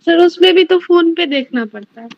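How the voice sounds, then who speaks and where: A woman's voice: extremely high pitch, expressive, normal speed. A woman student in an online class, answering her teacher briefly and matter-of-factly. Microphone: video call. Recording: dull online call audio.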